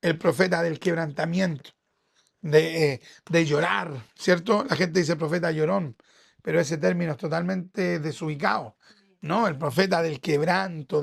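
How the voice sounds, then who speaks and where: This pastor's voice is on the high side with noticeable vocal fry, and he has a Chilean Spanish accent. Talking conversationally during his sermon at a church service, he poses rhetorical question after rhetorical question to the congregation.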